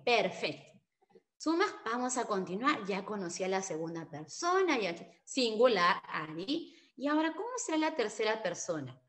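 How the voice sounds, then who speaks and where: A woman's voice: mid-range voice, fairly bright tone. A woman teaching a language lesson, patiently explaining and drawing out model words and mixing in encouraging words from another language. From Peru. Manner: slow, drawn-out model pronunciations with patient explanations; sprinkles encouraging Quechua words into Spanish.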